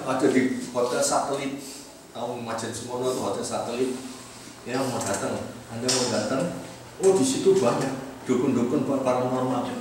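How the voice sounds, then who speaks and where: A man preaching, lively, drawing answers from the crowd. He sounds far from the microphone. The big hall echoes heavily, with steady noise behind him. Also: mid-range voice. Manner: lively, asks the audience questions often. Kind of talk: sermon.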